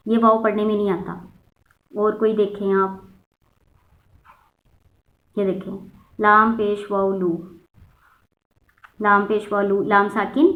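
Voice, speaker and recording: A woman teaching a step-by-step Quran reading lesson, patiently slowing down to sound out each example. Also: mid-range voice. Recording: echoey, phone-like lo-fi sound.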